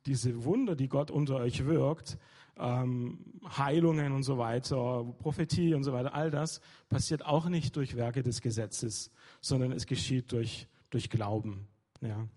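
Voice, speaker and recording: A man's voice: medium pitch, fairly even intonation, measured pace, dark tone. A young man giving an informal sermon, hesitant, with many fillers and restarts. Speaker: preacher.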